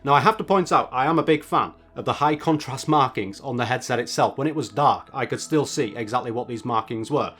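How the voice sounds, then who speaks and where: A man's voice: medium pitch, a little fast, few pauses, fairly bright tone, soft background music. A man presenting a product review in a casual, chatty narration with wry asides.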